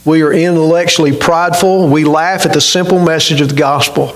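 Earnest middle-aged preacher at a pulpit. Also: male voice, on the high side, steady tone, brisk, rough recording. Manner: earnest, addresses congregation directly with questions. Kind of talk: sermon. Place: church sanctuary, indoors, at a pulpit.

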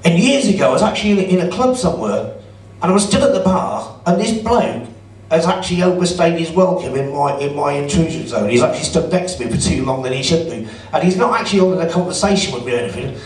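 A man's voice: a little high, expressive, quick pace. A middle-aged man doing a stand-up comedy set in a club, chatty and sarcastic as he teases the crowd. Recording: roomy audio from a distance.

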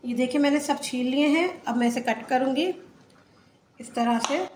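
A woman's voice: sits high, moderate pace, echoey room, background noise. A woman hosting a cooking channel, chatting her way step by step through a home recipe. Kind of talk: casual recipe voice-over. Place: home kitchen.

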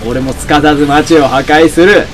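A young man giving excitable let's-play commentary, often shouting and laughing at the action. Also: on the high side, moderate pace, soft background music. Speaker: game commentator.

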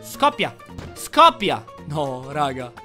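A man giving excited gameplay commentary as a gaming YouTuber, swinging between loud exclamations and low mutters. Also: slow pace, faint music behind.

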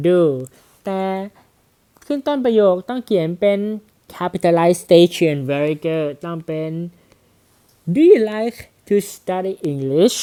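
A man teaching an English grammar lesson, reading example sentences slowly and explaining them with questions to the students. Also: high voice, warm tone, clear, resonant tone.

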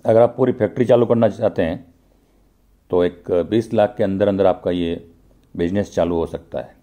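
A deep, steady, warm male voice at a moderate pace. He hosts his own channel, filming a factory walkthrough vlog inside a pipe-making workshop while explaining everything straight to his viewers.

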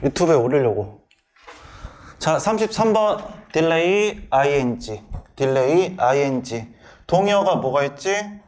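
A middle-aged man teaches English grammar in a classroom lecture, firing quick questions at students and answering them himself. His voice sits on the high side, expressive and a little mellow.

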